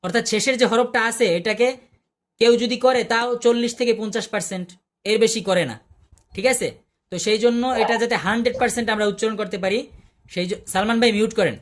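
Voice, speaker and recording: A man's voice: high voice, brisk. Man, Quran recitation teacher, online class, patient, repeats sounds, asks the class questions, video call audio.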